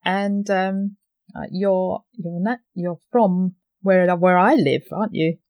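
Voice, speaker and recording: A woman's voice: lowish voice, steady tone, slow pace, a little mellow. A woman hosting a podcast, introducing and questioning a guest. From Essex, England. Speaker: podcast host. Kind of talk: scripted introduction and interview hosting.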